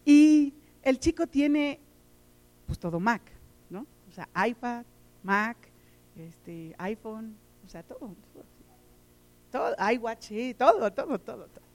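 High-voiced woman preaching warmly. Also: big pitch swings, takes it slowly, long pauses. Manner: emotional, storytelling, repeats words. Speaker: teacher and lay preacher. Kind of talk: sermon with personal stories.

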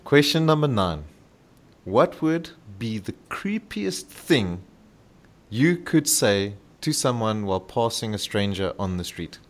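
A man's voice: on the low side, big pitch swings, takes it slowly. A man hosting a casual podcast interview, playful and laughing often as he asks questions. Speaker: podcast host.

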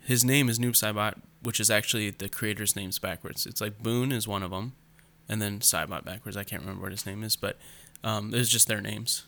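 Bright-voiced chatty young man. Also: fairly low pitch, steady tone, brisk, gravelly, hardly any pauses. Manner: chatty storyteller, heavy use of "like". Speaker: podcast co-host. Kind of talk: casual chat.

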